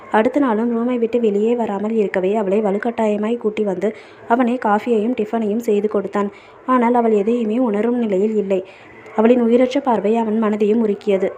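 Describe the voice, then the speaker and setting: A woman storyteller reading a novel aloud in a steady, even narration. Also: mid-range voice, slight background noise.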